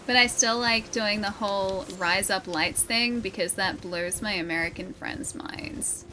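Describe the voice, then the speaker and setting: Streaming her gameplay, a mildly Australian-accented woman chats loosely and laughs a lot, her voice a bit nasal. She speaks at medium pitch and a little slowly, with background noise audible.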